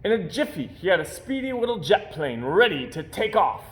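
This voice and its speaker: With a voice that sits high and a moderate pace, a male storyteller reads a children's picture book expressively, leaning theatrically on key words.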